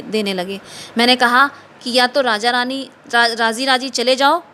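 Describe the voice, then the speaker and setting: A woman storyteller reading a literary short story aloud in a steady, measured way. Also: on the high side, a little hiss or hum.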